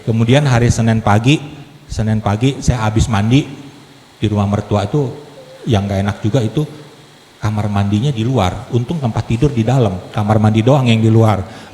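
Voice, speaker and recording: Male lay preacher, mellow voice, animated testimony storytelling, reverberant church hall. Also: lowish voice, moderate pace. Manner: lively storytelling with laughs and acted quotes. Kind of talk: testimony sermon. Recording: echoey hall with long reverb.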